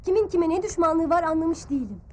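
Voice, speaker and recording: A woman's voice: extremely high pitch, expressive, fast. An actress playing a curious young woman chatting with her journalist friend. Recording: noisy background.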